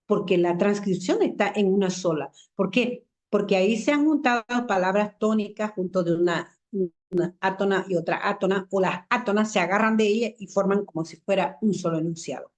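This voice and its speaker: A patient woman lectures her online class over a computer mic. Her voice sits at a middle pitch, and she explains step by step. She repeats examples slowly and asks the class rhetorical questions. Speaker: university language lecturer. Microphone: computer mic in a video call.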